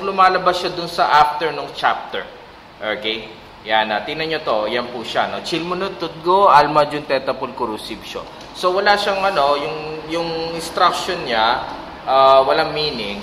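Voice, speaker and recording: A man's voice: medium pitch, pushed and bright. A man teaching a casual exam-prep language lesson, sounding tired and tagging his sentences with "no?" while mixing in English. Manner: talks with a tag "no?", mixing English. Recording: echoey room with light hiss.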